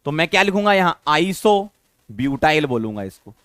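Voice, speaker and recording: A man's voice: a little high, big pitch swings, normal speed, fairly bright tone, smooth, no room sound, studio quality. A man teaching a chemistry lesson, coaxing his students with questions and repeating the key terms. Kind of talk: classroom lecture.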